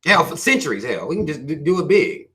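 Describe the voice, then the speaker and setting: A man from the Carolinas with a Southern American accent, talking in a loose, profane livestream rant. His voice sits a little high for a man and comes across bright and forceful, with a hard, blunt edge. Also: sing-song, fairly quick. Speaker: channel host reading viewer comments.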